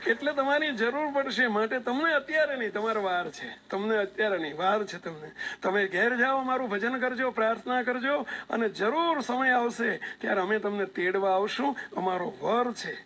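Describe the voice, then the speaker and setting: A man acting as a gracious divine lord who speaks with firm authority. The voice sits high and bright with a gravelly edge. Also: moderate pace, slight background noise, exaggerated voice. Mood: blessing. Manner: firm, declamatory storytelling voice.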